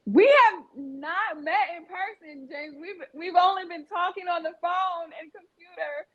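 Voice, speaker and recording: A woman in a casual interview chat, soft-spoken and agreeable. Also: extremely high pitch, a little slow. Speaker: interview participant. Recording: dull lo-fi audio.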